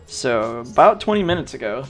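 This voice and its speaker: A man's voice: mid-range voice, very animated, normal speed, faint music behind. A man hosting and commentating a gaming tournament stream, chatty and joking with the live chat.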